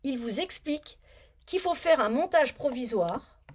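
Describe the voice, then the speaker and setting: A woman's voice: high-pitched, lively intonation, a little slow. A woman chatting casually on her knitting vlog, rambling, muttering to herself as she looks for things and grumbling about a badly written pattern. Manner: grumbling, annoyed. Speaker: knitting vlogger.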